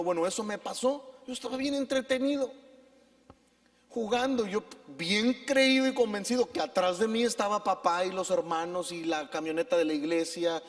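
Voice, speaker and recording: A Mexican pastor preaches from the pulpit with a fairly high voice, telling a personal story in an animated way and calling on the congregation to repeat his words. His voice rings out with the long reverb of a church hall. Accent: Mexican Spanish. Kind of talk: preaching sermon with personal anecdote.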